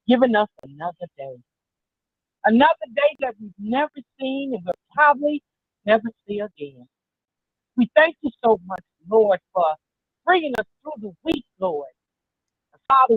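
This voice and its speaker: A high-voiced woman leading fervent prayer, her pitch moving widely with emphatic phrases. The sound is dry and slightly muffled, like a radio feed. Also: breathy edge, no room sound. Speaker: prayer leader on radio show.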